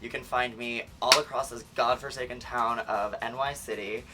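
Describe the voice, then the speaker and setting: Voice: medium pitch, fairly even intonation, moderate pace, heavy background noise. A sassy, campy drag queen chatting casually and reacting with amazement as a guest. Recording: distant mic under loud music.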